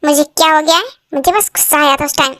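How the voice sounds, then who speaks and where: A woman's voice: high-pitched, fairly even intonation, quick pace, a bit bright, dry recording, studio quality, voice pushed down. A woman voicing a young male professor husband in a fan-dub drama, speaking in a soothing, teasing way. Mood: confused.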